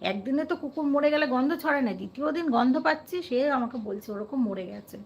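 A high-pitched woman from West Bengal talks to her live-stream viewers in a loose, conversational way. She is earnest and chatty and keeps asking them questions as she goes. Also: animated, a little fast, creaky, husky, lo-fi sound.

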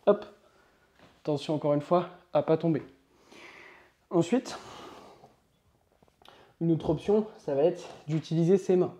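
Man, yoga teacher, upbeat and coaching, mellow tone, slightly high voice. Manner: upbeat, coaching, counts slowly while demonstrating. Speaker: yoga instructor. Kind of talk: instructional demonstration.

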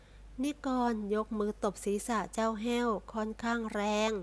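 Fields: woman narrator. Style: read-aloud novel, steady. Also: fairly high pitch, moderate pace. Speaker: story reader.

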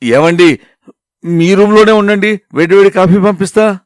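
A man's voice: high-pitched, moderate pace, smooth, no room sound, clean studio sound, voice pushed up, natural voice. A man voicing a fussing middle-aged wife who scolds and bosses her husband. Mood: coaxing. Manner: scolding, nagging.

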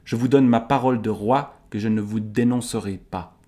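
A man with a Swiss French accent reading aloud the lines of a betrayed medieval king, grave and measured. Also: mid-range voice, mellow, close to an everyday voice. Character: wounded, suspicious medieval king, middle-aged man.

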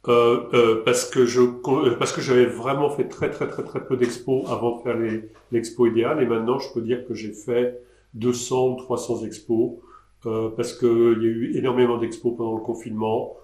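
This artist in his sixties has a medium-pitched, slightly mellow voice as he responds to questions during a live online session from his desk indoors. He hesitates and rambles, restarting often, and the desk webcam gives the audio a roomy sound.

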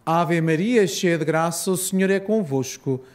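A man with a European Portuguese accent leads a rosary, reciting solemn prayers in a measured, reverent way. His voice is on the high side.

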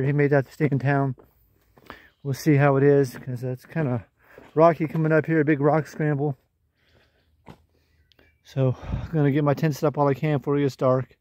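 A thru-hiker vlogger in his forties talks casually and easily on a wooded mountain trail, holding his phone camera at arm's length. His voice is medium-pitched and a little mellow, with no echo.

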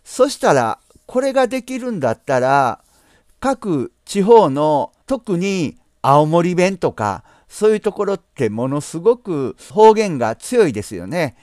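Smooth-voiced man explaining software. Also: on the high side, big pitch swings, no echo, clean studio sound. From Nara, Japan. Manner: polite, explanatory, drawn-out "desune" asides. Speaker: channel host. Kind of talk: screen-share software tutorial.

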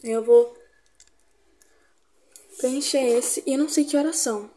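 High-voiced slangy Brazilian woman. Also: a little slow, mellow. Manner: chatty and slangy, talks straight to viewers. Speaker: vlogger. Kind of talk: casual get-ready-with-me vlog. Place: at home while getting ready.

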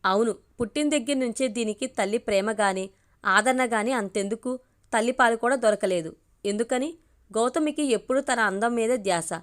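A woman's voice: fairly high pitch, moderate pace. A woman reading a family story aloud as an audiobook, voicing the characters' dialogue in her own voice. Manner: reads all the characters' dialogue in her own voice with little change.

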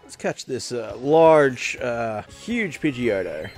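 A man giving casual, profane let's-play commentary as a gaming channel host, swinging to loud excited outbursts. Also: medium pitch, takes it slowly, soft background music.

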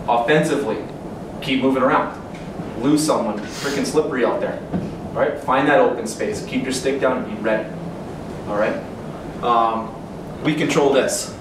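A middle-aged man, a coach, gives a motivational pregame pep speech in short, clipped instructions in a locker room. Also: mid-range voice. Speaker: hockey coach. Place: large indoor team locker room. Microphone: far camera across the room. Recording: echoey room, distant mic, background noise.

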